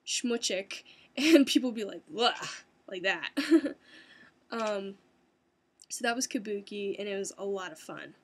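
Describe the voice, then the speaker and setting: A young woman from the United States casually recapping her experiences in a chatty, animated way, laughing often and using many fillers. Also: mid-range voice. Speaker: vlogger. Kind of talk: casual first-person recap.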